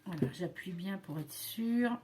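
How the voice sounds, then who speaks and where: A woman's voice: fairly low pitch, animated, unhurried, darkish tone, a little hiss or hum. A woman, demonstrating a craft project in a chatty, hesitant way, full of fillers and self-talk. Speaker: crafting tutorial host.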